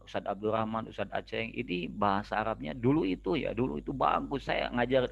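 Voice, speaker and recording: A man's voice: fairly low pitch, a little fast, gravelly, husky, muffled recording. A man with a Sundanese accent giving an informal lecture, explaining step by step and repeating key terms. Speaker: Islamic studies lecturer.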